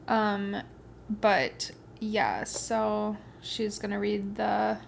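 A woman's voice: mid-range voice, level tone, vocal fry, slight background noise. A woman co-hosting a podcast, chatting enthusiastically about books. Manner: enthusiastic, quick to react. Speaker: podcast co-host. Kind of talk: casual chat about books.

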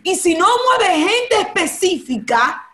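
Fervent high-voiced woman preaching. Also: very animated, slow, bright, forceful tone. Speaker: guest speaker.

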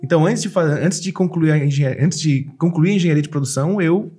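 A man with a high, husky voice hosts a relaxed podcast conversation. He talks fast and eagerly, and his questions tumble out one after another. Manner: chatty, eager, quick to laugh along. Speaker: podcast host. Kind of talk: casual interview chat.

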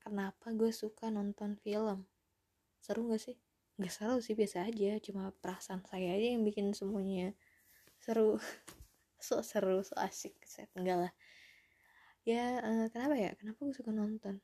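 A woman hosts a casual solo podcast, rambling and self-deprecating, in a soft-edged voice. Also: mid-range voice, fairly even intonation, normal speed. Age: 20s. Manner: rambling, self-deprecating, often chuckling to herself. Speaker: podcast host.

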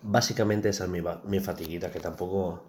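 A man's voice: deep voice, a little fast, slight background noise. Man from telling work stories, roomy sound. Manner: animated storytelling, swears freely. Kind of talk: casual chat. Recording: roomy echo.

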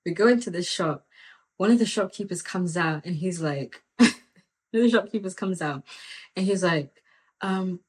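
Woman mentor chatting about faith, kinda low voice, earnest, lots of "like". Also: moderate pace, pauses often, low-quality recording. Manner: earnest and animated, full of "like" and "come on". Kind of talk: casual faith talk with personal story.

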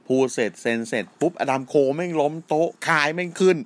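A young man co-hosting a casual podcast, retelling events in a profane, animated way with rough slang. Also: on the high side, fairly quick, no echo. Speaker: podcast co-host. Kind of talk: casual crude chat about wrestling.

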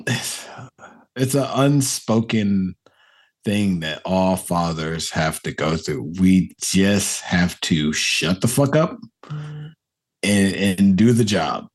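A young man talking on a casual podcast, his slightly low voice rising and falling a lot. He laughs often and swears loosely through his stories. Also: expressive, takes it slowly. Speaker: podcast co-host. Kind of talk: casual chat.

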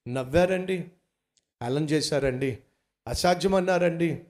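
A man's voice: on the high side, a little slow, a little mellow. A man preaching an impassioned sermon as pastor in a church hall, repeating lines with rising force.

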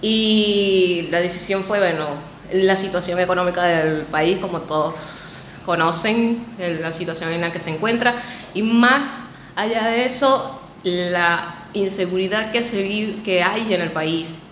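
A Venezuelan woman, appearing as a guest on a podcast, tells her story in a casual interview, chatty and laughing often with a nervous edge. Her voice is fairly low and fairly bright, at a measured pace. The room sounds echoey, with faint noise.

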